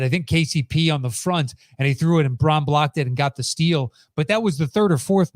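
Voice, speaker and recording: A man's voice: a little high, dry recording. A man hosting a sports podcast with blunt, conversational, casual commentary.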